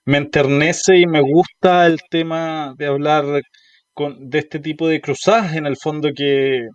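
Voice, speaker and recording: A man's voice: on the high side, fairly even intonation, measured pace, no echo, dull audio. A man with a Chilean accent co-hosting a live radio show, teasing his partner in casual chat. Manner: teasing, playful.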